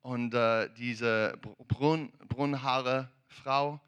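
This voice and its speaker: A male pastor preaching with enthusiasm and telling a joke. He talks haltingly, searching for words and sometimes slipping into English. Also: medium pitch, steady tone, fairly bright tone, smooth, lo-fi sound. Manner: enthusiastic, fervent. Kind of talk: sermon with a joke. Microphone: handheld or stand microphone.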